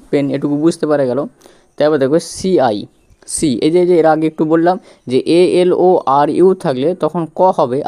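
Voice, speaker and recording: A patient male teacher walks through English spelling letter by letter and keeps checking that his students follow. His voice is smooth and mellow, sitting a little high for a man. He repeats each sound slowly before he moves on. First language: Bengali. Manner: patient, repetitive, spells out letters and quizzes the viewer. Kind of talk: step-by-step spelling lesson.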